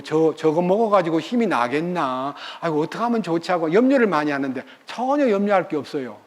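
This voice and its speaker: A man's voice: on the high side, darkish tone, big-room sound. An older man preaching a sermon as pastor at a church retreat, telling the story with emphatic energy.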